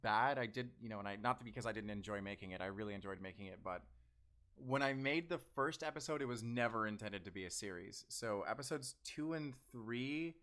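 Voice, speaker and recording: A young man chatting casually while he answers fan questions, with lots of fillers and bursts of excitement. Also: on the low side, brisk. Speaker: audio drama creator answering fan questions. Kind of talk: casual Q&A chat.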